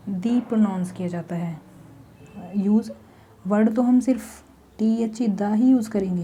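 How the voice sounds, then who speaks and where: A woman teaching a grammar lesson, slowly explaining step by step with examples. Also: medium pitch, warm tone.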